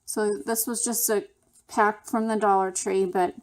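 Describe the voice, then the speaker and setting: A woman talks through her handmade craft project at a leisurely, unhurried pace. Her voice sits at an ordinary middle pitch. Her delivery is relaxed and chatty, a casual step-by-step show-and-tell. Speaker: craft channel host.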